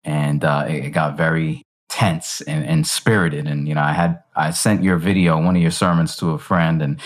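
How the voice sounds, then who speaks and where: A man's voice: very deep voice, little pitch movement, moderate pace. A man hosting an interview, asking questions with a curious, hesitant manner and frequent fillers. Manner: inquisitive, uses many fillers. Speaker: interview host.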